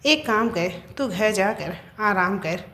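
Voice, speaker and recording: A scheming, cruel young husband mocks and threatens his wife in a narrated audio story, as a woman reads his lines. The voice sits at a middle pitch, with a faint hiss under it. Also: lively intonation, takes it slowly, bright, forceful tone. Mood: taunting. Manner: taunting, threatening.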